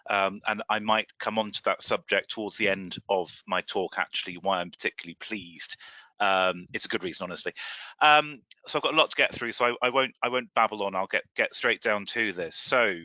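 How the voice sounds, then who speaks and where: A man's voice: fairly low pitch, fairly quick, pushed and bright, no room sound. A middle-aged man giving a webinar talk as a research director, affable and repeating words as he gets going. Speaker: research centre director, speaker. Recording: dry, dull lo-fi call audio.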